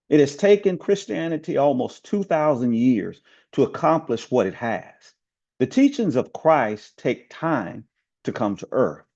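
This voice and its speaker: A community member reads a written speech aloud with oratorical emphasis, stretching out words and letting his phrases fall at the end. His voice is medium-pitched and mellow, and the recording sounds dull and slightly lo-fi.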